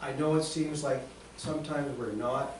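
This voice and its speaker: Reading motions and calling for votes at a crisp procedural clip, a medium-pitched man runs a town council session. The mic picks him up from a distance in a heavily reverberant chamber, with a constant hiss of room noise.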